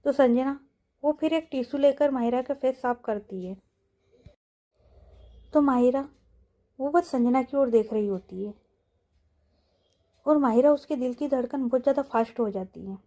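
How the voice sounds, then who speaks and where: A woman's voice: high voice, normal speed, pauses often, dark tone. A woman storyteller narrating a romance audio story in a casual, repetitive linking style.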